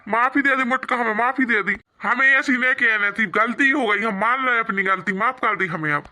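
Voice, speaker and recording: A stubborn, bickering old village father-in-law, voiced by a woman in a cartoon comedy. His voice is pitched high and bright for an old man, and he teases his wife. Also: normal speed. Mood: pleading. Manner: mocking and bickering, later pleading.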